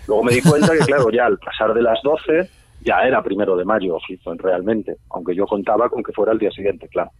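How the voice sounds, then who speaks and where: On a radio show, a man with a Spanish accent from Spain tells a casual, slangy anecdote, acting out things he once said. His voice is lowish, brisk and slightly rough, and the recording sounds dry and tinny, like a phone.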